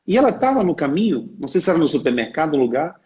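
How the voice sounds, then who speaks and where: Earnest Brazilian man with a high voice. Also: sing-song, racing, darkish tone, rough recording. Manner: earnest storytelling, often asks "né?". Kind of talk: preaching on a livestream. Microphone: livestream setup.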